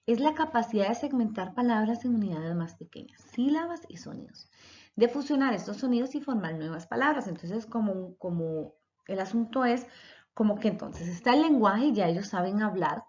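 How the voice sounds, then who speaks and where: A woman teacher talks through a recorded lesson at a steady middle pitch. She explains patiently and sounds out letters and syllables one by one. The recording is dull and lo-fi. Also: normal speed. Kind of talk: recorded lecture.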